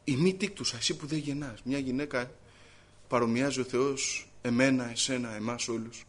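Male preacher, mid-pitched, delivering a fervent, exhorting sermon. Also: fairly even intonation. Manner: fervent, exhorting, rising to loud emphasis.

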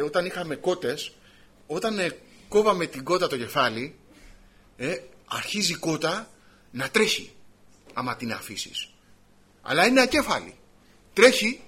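A man preaching a sermon, animated, swinging between loud emphasis and quiet asides. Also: a little high, slightly rough.

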